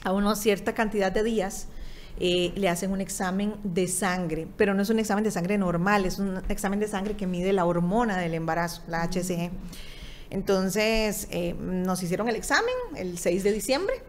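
A woman's voice: mid-range voice, moderate pace, slight background noise. A woman in her thirties with a Costa Rican accent, a guest in an interview, telling a personal story and acting out the dialogue in it. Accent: Costa Rican Spanish. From Costa Rica.

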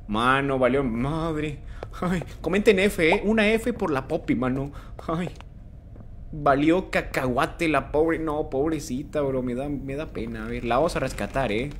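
A man from Colombia with a Mexican-sounding Spanish accent, commentating a live game stream and greeting his chat, prone to sudden excited shouts. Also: fairly high pitch, measured pace, a little hiss or hum. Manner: excitable, bursts into shouts at scares. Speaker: gaming streamer.

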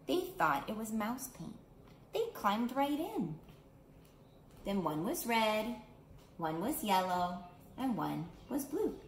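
At storytime in a small, echoey indoor room, a middle-aged art studio teacher slowly reads a picture book to young children. Her mid-range voice swings widely in pitch, and she keeps her language simple and clear while putting questions to the kids. Background noise comes through clearly.

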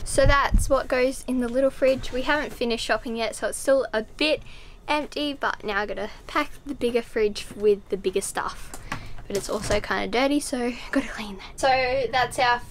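A teen girl's slightly high voice, moving at a moderate pace, carries a casual vlog shot in a sailboat cabin and a car. Talking into a handheld camera at arm's length, she's chatty and fills her speech with "like," and the recording is noisy.

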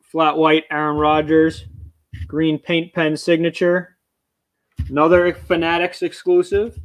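A man in his thirties runs a casual live auction stream from a small indoor storage room full of shelves, chatting and reading viewer comments aloud as he moves about. His fairly high voice is flat and a little slow, picked up by a desk webcam mic that he sometimes steps away from.

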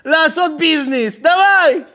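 A man's voice: very high voice, pushed and bright, voice pushed up. A man voicing a scheming, greedy kidnapper who boasts and gloats in slangy talk. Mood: gleeful scheming. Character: scheming greedy male kidnapper, gleeful swaggering villain.

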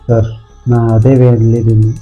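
A man's voice: lowish voice, completely flat delivery, moderate pace, highs cut off, soft background music, close to an everyday voice. A man playing a worried employee pleading with his boss for more time. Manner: pleading, apologetic.

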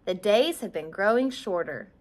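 A woman voicing a slow, plodding turtle in a storybook read-aloud, with low muttering. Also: animated, darkish tone, natural voice.

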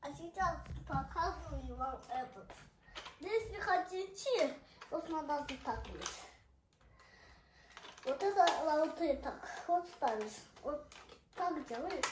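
A child showing a toy collection in a casual home video, talking haltingly and repeating short phrases while demonstrating. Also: high-pitched, expressive. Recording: echoey room, loud background noise.

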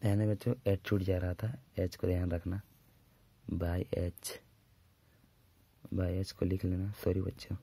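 A man teaching a maths lesson at a whiteboard. He dictates formulas slowly and drawn out, with brisk asides to his students. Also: sits low, level tone, warm tone, breathy edge.

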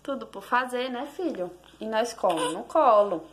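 A young woman with a Brazilian Portuguese accent, a mother chatting casually and softly in a home vlog. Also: fairly high pitch, lively intonation, normal speed, slight background noise. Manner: soft, chatty, fond of diminutives. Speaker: mother vlogger. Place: home, in the kitchen.

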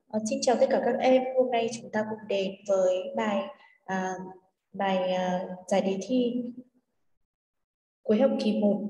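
A woman teacher, her voice a little high and mellow. She goes through test answers patiently and keeps asking whether the class follows. She sounds some way from the mic, in a room with a long, echoing tail. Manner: patient, checks understanding with quick questions. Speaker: English teacher. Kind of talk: explaining test answers to students. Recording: echoey room, far from the mic.

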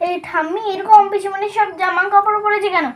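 A woman voicing a curious young grandchild in a cartoon, asking questions in a high childish voice. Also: fairly even intonation, fairly quick.

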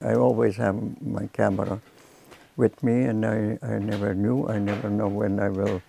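A man in his nineties from Lithuania with a Lithuanian accent, telling his life story haltingly with many restarts, seated in a cluttered workshop. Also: fairly low pitch, little pitch movement, creaky, warm tone, breathy edge. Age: 90s. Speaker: filmmaker recounting his life. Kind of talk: reflective storytelling. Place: cluttered workshop indoors, small room.

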